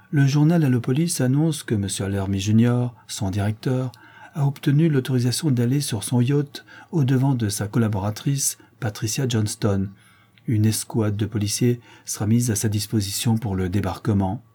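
A man narrating an audiobook in a steady, measured reading voice. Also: medium pitch, breathy edge.

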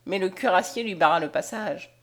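A woman narrating a classic novel in a measured storytelling manner. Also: mid-range voice, a bit bright. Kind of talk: audiobook narration.

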